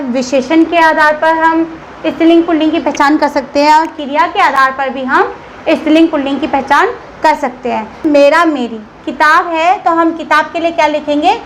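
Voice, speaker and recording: High-voiced woman teaching children grammar. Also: slight background noise, low-quality recording. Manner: patient, asks and answers own questions. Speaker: school teacher.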